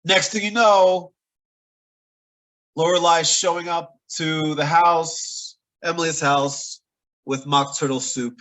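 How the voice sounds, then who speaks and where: A man's voice: fairly high pitch, fairly even intonation, takes it slowly, fairly bright tone, rough recording. A man hosting a podcast, recapping a TV episode in a casual, chatty way with playful exaggeration. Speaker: podcast host.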